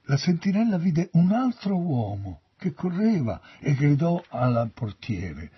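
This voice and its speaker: A man reading a Bible story aloud as an expressive storyteller. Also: on the high side, takes it slowly, breathy edge, no room sound. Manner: expressive storyteller, lively intonation. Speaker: narrator. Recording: dull dry recording.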